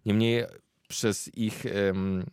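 A young man talks with a fairly low voice, easygoing and conversational as he hosts a podcast interview. He stops often to search for the right word. The recording is dry and close, with no room sound. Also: fairly even intonation, darkish tone, clear, resonant tone, dry recording. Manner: thoughtful, pauses often to search for words. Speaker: podcast host interviewing a guest. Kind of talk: casual conversational explanation.

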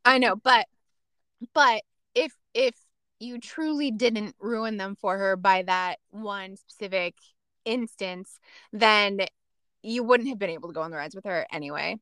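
A woman co-hosting a casual chat podcast, chatty and quick to exclaim and laugh along. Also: medium pitch, a bit bright, dry recording. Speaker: podcast co-host.

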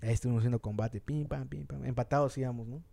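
A Mexican man with a Mexican accent telling a story in fast, slangy casual chat, acting out the lines of the people in it. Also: medium pitch, fairly even intonation, creaky, dark tone.

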